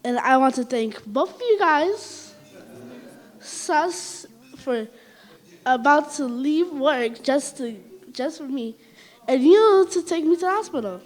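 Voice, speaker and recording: A woman gives a shy, halting thank-you speech at a wedding. Her voice is high and her pace unhurried. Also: expressive. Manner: halting, shy, laughing softly. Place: wedding reception hall.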